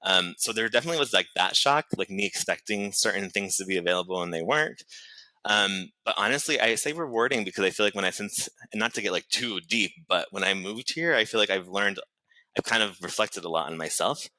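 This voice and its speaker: A man with an American accent and a deep voice that still sounds strikingly bright and forceful. He rambles along as a podcast guest, leaning on filler words and breaking into small laughs. The sound is very dry and close. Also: expressive, a little fast, no room sound, low-quality recording. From United States. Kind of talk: casual conversation.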